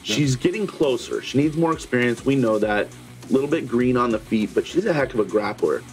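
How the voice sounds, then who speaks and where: A middle-aged man in an office, calmly and confidently sizing up a fighter's prospects. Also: medium pitch, brisk, soft background music, poor audio. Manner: matter-of-fact, assured. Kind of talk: evaluating a fighter in a meeting.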